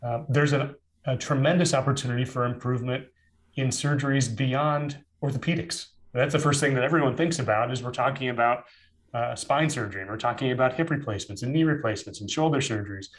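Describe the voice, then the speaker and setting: Male presenter, mid-pitched, measured and explanatory, webinar setting. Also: low-quality recording.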